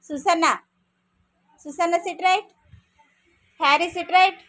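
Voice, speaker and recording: A woman's voice: extremely high pitch, fairly even intonation, very slow, a bit bright. A woman preschool teacher talking to small children in a classroom. She keeps asking questions, repeats the answers back, and gives simple, firm commands.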